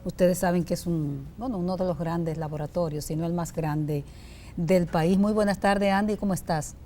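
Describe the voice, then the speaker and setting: A woman's voice: lowish voice, fairly even intonation, moderate pace, warm tone, slight background noise. A woman hosting a health talk show, speaking conversationally and correcting herself often. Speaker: host.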